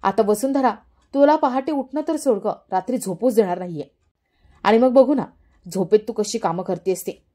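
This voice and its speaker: Sly, scheming young woman, gloating, fairly high, mellow voice, read by a woman. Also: moderate pace, close to an everyday voice.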